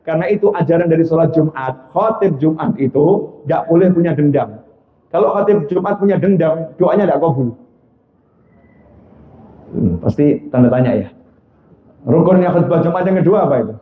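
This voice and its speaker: Male preacher, sermon, high voice, swings loud to soft, acts out voices, dull lo-fi sound. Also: moderate pace, long pauses. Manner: animated, swings from loud exclamations to low soft asides; acts out quoted voices in dialogue. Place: mosque or hall before a congregation. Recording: echoey room, dull lo-fi sound.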